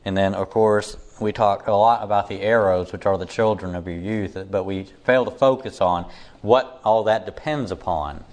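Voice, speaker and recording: A man leads a casual Bible lesson in a fairly low voice. He sounds slightly hoarse, as if still getting his voice back. He keeps a steady, level, near-monotone delivery. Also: normal speed. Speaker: Bible teacher.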